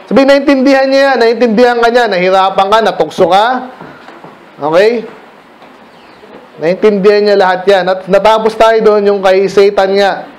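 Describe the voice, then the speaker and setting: A middle-aged Filipino pastor giving a casual Bible study talk to children, questioning listeners by name. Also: male voice, high-pitched, moderate pace.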